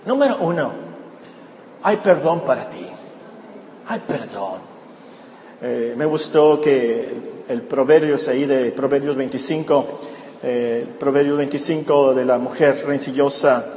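A man's voice: fairly high pitch, darkish tone, a little hiss or hum. A man preaching a sermon as pastor, emphatic and repeating his key words. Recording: roomy echoey hall with faint ambience.

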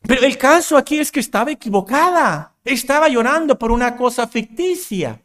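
A man's voice: very high-pitched, expressive, normal speed, a bit bright. A man preaching a sermon, emphatic, repeating phrases and asking rhetorical questions.

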